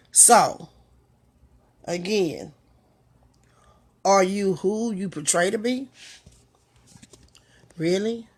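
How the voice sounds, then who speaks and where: This host, a woman with a low-pitched voice and vocal fry, delivers a reflective motivational talk of her own. She takes her time, pausing often as she poses one rhetorical question after another to the listener.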